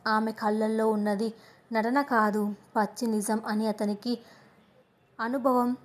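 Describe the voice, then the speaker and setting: A woman narrating an audio story in an even, measured reading. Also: fairly high pitch.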